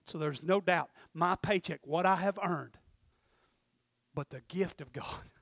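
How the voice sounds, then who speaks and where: A middle-aged man preaches in a high, ringing voice. He swings between shouted urgency and hushed, personal asides. The sound is close and dry, with no room around it. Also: measured pace, gravelly, dry recording. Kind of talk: sermon.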